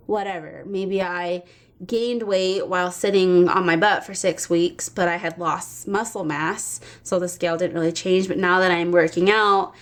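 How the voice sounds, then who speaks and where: Young woman vlogger, frustrated and close to tears, chatty with fillers, mid-pitched voice. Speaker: vlogger documenting her recovery. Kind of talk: casual talk to camera.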